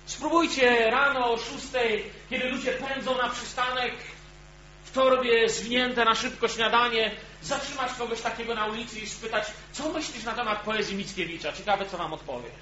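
Male preacher, very high voice, earnest sermon to a congregation, echoey room, dull recording. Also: fairly even intonation, moderate pace, sharp tone. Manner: earnest, addresses listeners directly with questions. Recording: echoey, dull sound with faint hum.

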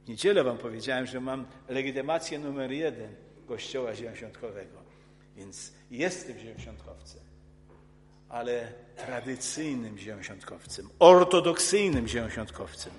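A man preaching a sermon in an earnest, emphatic way, often restarting his words and rising into forceful outbursts. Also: mid-range voice, moderate pace, a little hiss or hum. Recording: long hall reverb.

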